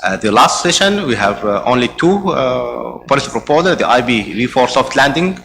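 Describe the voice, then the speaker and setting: An Arabic-speaking man chairing a meeting presents the agenda at a conference presentation in a conference hall. His medium-pitched, bright, creaky voice is animated at a normal speed, yet hesitant, with many "uh" fillers and restarts. There's a little hiss or hum.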